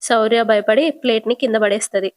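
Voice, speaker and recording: A woman's voice: on the high side, fairly even intonation, a little fast. A woman narrating a retelling of a TV serial episode. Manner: plain retelling.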